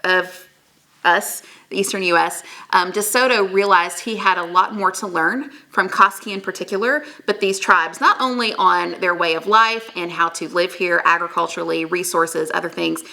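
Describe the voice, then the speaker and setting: A woman telling a history story as a lesson in an animated, chatty way, full of asides. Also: on the low side, normal speed, vocal fry. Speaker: history teacher.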